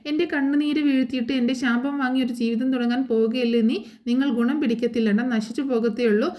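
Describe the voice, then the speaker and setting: This is an angry, heartbroken middle-aged mother from a TV serial, as a woman narrator reads her lines aloud. She scolds without pausing, rushing one cutting line into the next in a slightly raised voice. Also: on the high side, steady tone, dark tone, close to an everyday voice. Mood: bitter scolding. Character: furious grieving middle-aged mother cursing her son.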